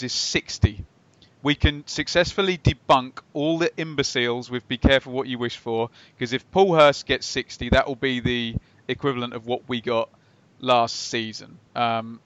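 A man's voice: medium pitch, fairly bright tone, dry recording. Man, football podcast host, casual, jokey explainer, dry close sound, slightly lo-fi. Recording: slightly dull lo-fi microphone sound.

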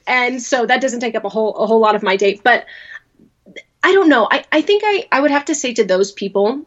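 A woman's voice: fairly high pitch, animated, brisk, fairly bright tone, highs cut off. A woman from rural Louisiana, talking casually as a podcast guest, rambling and laughing often as she restarts her sentences. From rural Louisiana, USA. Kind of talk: casual interview talk.

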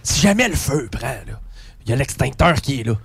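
Medium-pitched, fairly quick and slightly rough, with no echo, a man with a Québécois accent tells a comic story among friends. He rants in an animated way, swears heavily and acts out both sides of the conversation.

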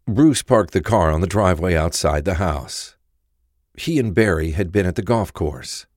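With lively intonation and a slightly mellow quality, a very low-voiced man narrates a crime story from a script at normal speed. The sound is close and echo-free.

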